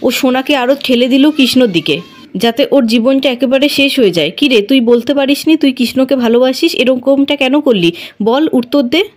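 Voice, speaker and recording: A woman reading the lines of an angry middle-aged uncle who scolds the family, in a high voice. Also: moderate pace, close to an everyday voice. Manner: harsh, scolding.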